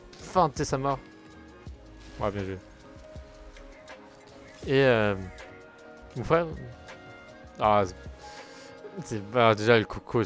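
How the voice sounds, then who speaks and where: A young man streams a game and chats away, rambling and cursing at missed plays. His voice sits at an ordinary middle pitch. Faint music plays in the background. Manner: chatty, rambling, swears at the game. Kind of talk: casual gaming commentary.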